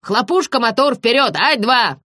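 A woman's voice: a little high, sing-song, moderate pace, pushed and bright, no room sound, studio quality, pitched above the performer's own voice, full character voice. A woman voicing an impatient man directing a shoot, barking orders in an audiobook reading. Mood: bossy. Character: bossy shouting male film director.

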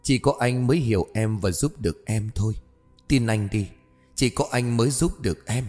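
A male narrator voicing a gentle, mysterious young man who speaks softly and tenderly. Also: fairly low pitch, lively intonation, moderate pace, big-room sound, faint music behind, natural voice. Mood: soothing. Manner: soft, hushed and tender.

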